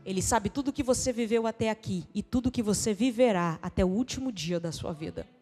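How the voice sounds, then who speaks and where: A Brazilian woman preaching a sermon as a missionary pastor, dramatic, swinging between shouting and hushed tones and acting out quoted dialogue. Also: medium pitch, a little fast, soft background music. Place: church hall. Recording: long church-hall reverb.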